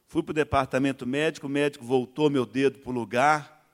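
A man with a Brazilian Portuguese accent giving a church testimony, telling his story in a lively way and acting out the dialogue. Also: mid-range voice, a little fast. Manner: animated storytelling, acts out dialogue. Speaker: testimony speaker. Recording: echoey hall reverb.

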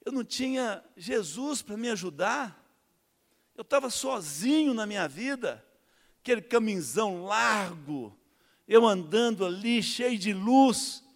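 A man with a Brazilian Portuguese accent gives his testimony to a church crowd. He talks at a slightly raised pitch and tells the story in an animated way, acting out each exchange. His voice carries a long hall reverb. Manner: animated storytelling, acts out dialogue. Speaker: testimony speaker.

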